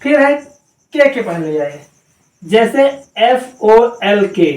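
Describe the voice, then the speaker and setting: A woman's voice: mid-range voice, very animated, slow pace, darkish tone, recorded from a distance. A woman teaching a pronunciation lesson, spelling words out letter by letter and asking and answering her own questions. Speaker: English teacher. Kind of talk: slow spelling-out grammar lesson. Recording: echoey room, voice from off-mic.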